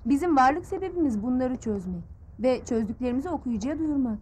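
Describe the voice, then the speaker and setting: An actress playing a composed young woman journalist explaining her work in a measured way. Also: sits high, expressive, a little mellow, slight background noise.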